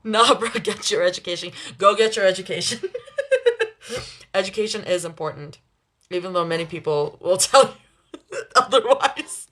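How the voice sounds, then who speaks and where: A woman's voice: mid-range voice, animated, fairly bright tone, slightly rough. Chatty young woman streaming live. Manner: chatty, laughs often, quick asides. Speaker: livestream host reading chat. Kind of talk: casual live chat with viewers.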